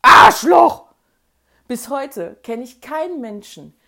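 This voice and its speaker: A woman reading her childhood memoir aloud, dramatic, dropping to whispers and rising to shouts. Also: fairly high pitch, sing-song, unhurried. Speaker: storyteller.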